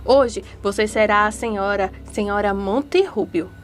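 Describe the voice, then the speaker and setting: A woman's voice: mid-range voice, normal speed, faint music behind, close to an everyday voice. A woman reading the lines of a domineering, scheming mother in a cold, condescending tone. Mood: scolding.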